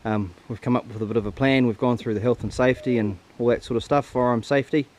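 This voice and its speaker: Hosting a hunting vlog, this man chats in a casual, matey way with a broad New Zealand accent and laid-back slang. His medium-pitched, slightly mellow voice moves at a quick pace with fairly even intonation, over faint outdoor background noise.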